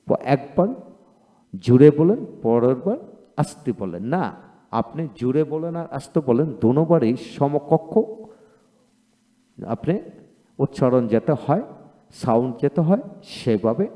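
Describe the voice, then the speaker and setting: A man teaching English pronunciation, saying each word twice slowly and then explaining how to practise. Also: medium pitch, warm tone, long reverb tail. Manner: repeats each word twice, slow and deliberate. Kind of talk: drilling words aloud, then explaining.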